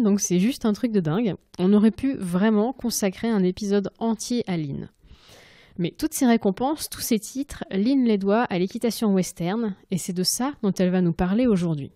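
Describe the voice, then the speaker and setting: Chatty French woman podcast host, mellow. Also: mid-range voice, no room sound, studio quality. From France. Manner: enthusiastic, chatty with many fillers. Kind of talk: podcast intro and interview. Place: home, recorded remotely.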